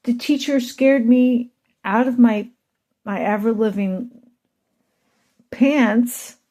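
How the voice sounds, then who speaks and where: A woman's voice: on the high side, steady tone, slow pace, warm tone. A woman and mother telling a rambling, emotional personal story to her channel's viewers. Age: adult with children. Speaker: channel host.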